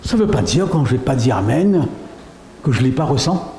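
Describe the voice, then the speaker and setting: A man's voice: medium pitch, very animated, fairly quick, mellow. A middle-aged man from Mauritius preaching a testimony sermon, often asking the audience rhetorical questions. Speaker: pastor. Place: church meeting hall. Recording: echoey hall with faint noise.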